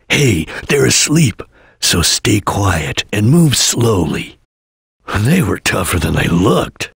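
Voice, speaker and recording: A man voicing a serious, disciplined ninja chameleon in a video game, with a husky, gravelly voice and a terse, stern, deliberate manner. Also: medium pitch, a bit bright, no echo, clean studio sound, heavily acted. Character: serious, disciplined male ninja chameleon detective, cool and tactical. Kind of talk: video game character voice lines.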